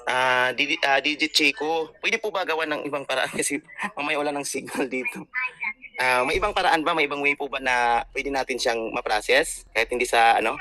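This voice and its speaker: A man's voice: medium pitch, a little fast, sharp tone, no room sound, low-quality recording. A man on a recorded call, speaking politely and deferentially, in a hurry. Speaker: caller.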